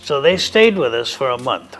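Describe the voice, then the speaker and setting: A man who is a surgeon, recalling his work in an interview in a calm, measured, reflective way. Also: mid-range voice, low-quality recording. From United States. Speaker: orthopedic surgeon. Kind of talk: interview recollection.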